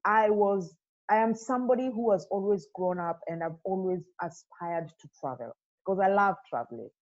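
A woman's voice: mid-range voice, normal speed. Earnest woman from Kenya on muffled audio. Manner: earnest, reflective with many fillers. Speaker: podcast guest. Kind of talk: casual interview.

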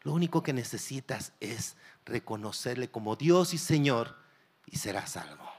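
Male pastor, middle-aged, mid-pitched voice, emphatic exhorting sermon delivery. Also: animated, moderate pace, breathy edge. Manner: emphatic preaching, exhorting listeners directly.

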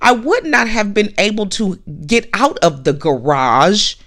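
A woman's voice: mid-range voice, very animated, a little slow, a bit bright. A woman podcast host giving a blunt, emphatic motivational monologue, repeating her points and swearing casually.

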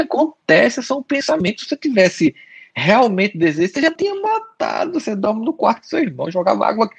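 A man's voice: high-pitched, gravelly, husky, dry recording, muffled recording. A man with a Brazilian Portuguese accent giving an explanatory solo talk as a podcast host, repeating his key points and speaking straight to the listener.

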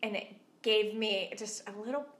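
A woman's voice: medium pitch, normal speed, a bit bright. Chatty woman podcast co-host, roomy sound. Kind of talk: casual chat over lunch.

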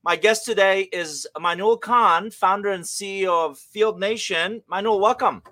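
A podcast host on a business show welcomes a guest and asks questions in a friendly, upbeat, polished way. His voice sits high and sharp at a moderate pace, with no echo.

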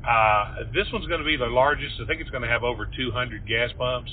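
A man's voice: medium pitch, fairly quick, narrow, tinny audio, slight background noise. A man with an Appalachian Southern accent chatting in a folksy, colloquial way as a comedy podcast host. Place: car on the road.

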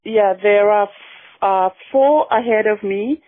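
A woman in her sixties from Fiji, reminiscing in a relaxed radio interview, often adding yeah as she goes. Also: medium pitch, takes it slowly, no echo. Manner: warm, reflective storytelling with frequent yeahs. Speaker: guest. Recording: dry phone-like radio line.

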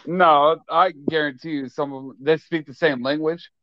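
A man talking as a podcast guest in casual crude banter, loud, yelling often and swearing constantly. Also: fairly high pitch, fairly even intonation, normal speed, dry recording, muffled recording.

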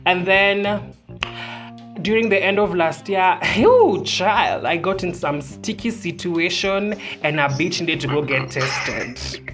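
Sassy, low-voiced Kenyan woman hosting, over music. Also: takes it slowly, fairly bright tone. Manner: brash, bantering, swearing freely. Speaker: podcast host. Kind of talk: casual podcast chat. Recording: music behind the voice.

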